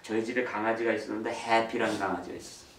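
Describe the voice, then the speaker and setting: Middle-aged man, lively talk in an echoey hall. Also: fairly low pitch, rapid-fire, slight background noise. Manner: lively storytelling, acts out quotes; mixes in English phrases. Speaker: speaker on parenting. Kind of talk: church talk on raising children. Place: church hall. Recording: roomy echo from far mic, faint ambience.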